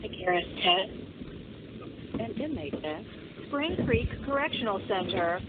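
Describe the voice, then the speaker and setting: A woman's voice: medium pitch, very animated, unhurried. A woman's recorded voice giving the automated prompt on a prison payphone call, announcing in a scripted way. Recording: tinny phone line with loud noise.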